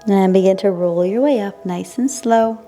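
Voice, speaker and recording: A woman instructing a chair yoga class in a careful, unhurried way, gently guiding each movement. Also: mid-range voice. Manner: careful, unhurried, measured delivery. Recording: roomy echo, music underneath. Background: music.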